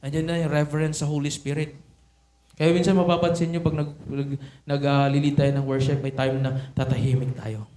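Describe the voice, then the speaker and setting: Guy preaching in a church, high voice, keeps asking the crowd "right?", big echo. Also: little pitch movement, brisk, dark tone, slight background noise. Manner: rhetorical questions to the congregation. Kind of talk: sermon mixing Tagalog and English. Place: church sanctuary. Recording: echoey church hall.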